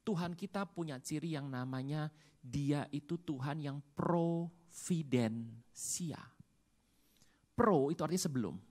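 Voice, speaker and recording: A pastor preaching an animated sermon with jokes and rhetorical questions, jumping between loud outbursts and hushed asides. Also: mid-range voice, normal speed.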